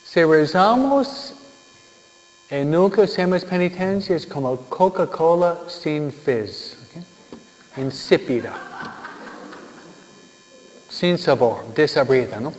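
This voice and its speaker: A male preacher delivers a joking sermon, often checking in with his listeners. He speaks slowly in a fairly high voice. The sound is dull and lo-fi, with long reverb from a large hall. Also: expressive, darkish tone. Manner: jokey, keeps asking the listeners "¿no?". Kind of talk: humorous sermon.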